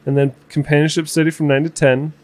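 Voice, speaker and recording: A man in his twenties chatting casually as podcast co-host, reflective and halting, with fillers and restarts. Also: on the high side, flat delivery, darkish tone. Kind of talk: casual conversation.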